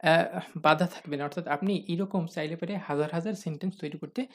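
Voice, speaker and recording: A patient English grammar teacher giving a recorded lesson. The teacher asks questions and answers them, addresses the viewers as learners, and reads example sentences slowly. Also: medium pitch, steady tone.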